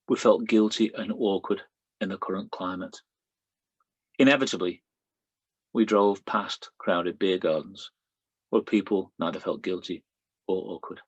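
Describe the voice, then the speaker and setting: A middle-aged poet from Lancashire, England, reads his poems aloud in a Lancashire English accent, dropping chatty asides and fillers between them. His voice is deep and slightly rough, and the recording has no echo.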